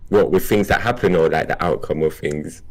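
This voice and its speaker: A man's voice: very deep voice, brisk. A man with a London roadman accent, chatting casually in street slang as a podcast co-host.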